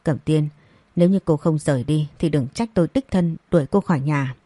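A woman's voice: deep voice, a little fast, mellow, no echo. A woman voicing a harsh, domineering older mother-in-law in an audio story, speaking in a cold, commanding way.

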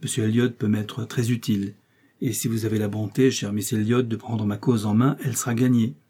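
Un homme qui prête sa voix à une femme vive et perspicace, taquine et câline, dans un livre audio. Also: male voice, lowish voice, steady tone, fairly quick, dark tone, husky. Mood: teasing, coaxing. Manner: arch, coaxing, playful. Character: lively shrewd middle-aged woman, teasing invalid friend.

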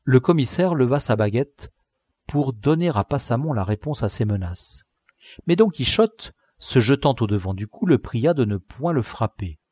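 Lively male audiobook narrator. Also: mid-range voice, normal speed, breathy edge, no room sound, clean studio sound. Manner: expressive, lively storytelling. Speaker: audiobook reader. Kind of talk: classic novel audiobook narration.

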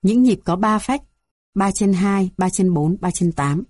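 A woman reading a music theory textbook aloud in an even, measured way, going through numbered items. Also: mid-range voice, no room sound, clean studio sound. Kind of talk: scripted textbook narration.

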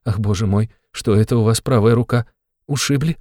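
A man reading an audiobook, voicing a flustered, tearful aging mother in a high, breathless voice. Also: darkish tone, dry recording, clean studio sound, natural voice. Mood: anxious. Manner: breathless, rushed, exclamatory.

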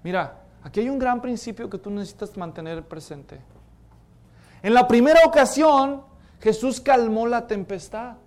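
Delivering a sermon at normal speed, this high-pitched preacher tells stories with dramatic flair. He voices the people in each tale, then lowers to a quieter tone to drive home his main points.

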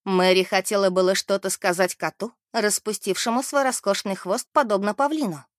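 A woman narrating a novel aloud in an expressive, measured way. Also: medium pitch, dry recording, clean studio sound.

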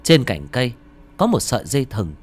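A man narrating a horror audiobook in a dramatic, expressive way. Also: mid-range voice, brisk, husky.

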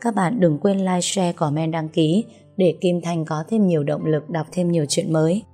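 A woman narrating an audiobook story with a measured, dramatic storytelling manner. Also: fairly low pitch, fairly even intonation. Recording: soft music under the reading.

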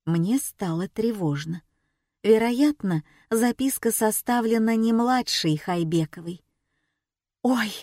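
A woman narrating an audiobook in the first person, with a calm, matter-of-fact reading. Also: a little high, measured pace, no room sound, studio quality.

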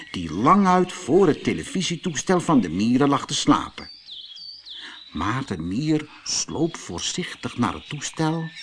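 A children's fairy tale audiobook is read by a man of medium pitch, who tells the story expressively.

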